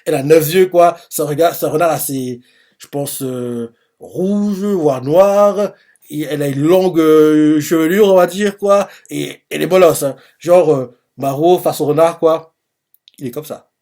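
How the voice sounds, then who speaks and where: A man's voice: on the high side, a little slow, mellow. A man reacting live to a manga chapter, describing the panels in rambling speech full of fillers. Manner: rambling, heavy use of fillers.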